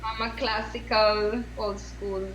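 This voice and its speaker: Slight background noise marks this low-quality clip of a Venezuelan woman, a podcast guest with a Venezuelan Spanish accent. Her mid-range voice is level, fairly bright and a little slow. In the conversational interview she comes across as earnest, often repeating or restarting phrases as she looks for the right words.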